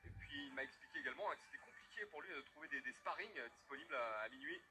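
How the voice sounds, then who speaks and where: A man's voice: a little high, lively intonation, very fast, background noise. A man giving sports broadcast commentary as lead commentator, presenting the fighters before a bout. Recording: music playing under the voice.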